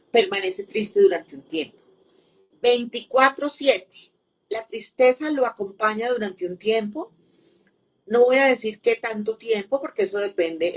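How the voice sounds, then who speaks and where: A woman speaks as a grief counselor in an interview. Her voice is husky and a little breathy, sitting at an ordinary middle pitch, and she explains patiently, circling back to repeat her main points and lay out simple examples. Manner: patient, teacherly, uses repetition and examples.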